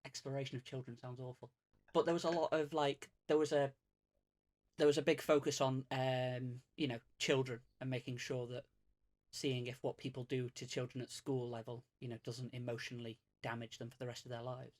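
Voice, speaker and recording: A man from Greater Manchester, England, appears as a streamer's guest in a casual podcast chat. His mid-range voice is level and fairly quick. He rambles and puts himself down, with lots of fillers and restarts.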